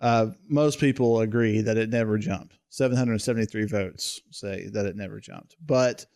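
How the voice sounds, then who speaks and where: A man co-hosting a podcast, chatting casually about TV shows with frequent pauses and restarts. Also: fairly low pitch, fairly even intonation, creaky, darkish tone. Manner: hesitant, many fillers and restarts. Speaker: podcast co-host.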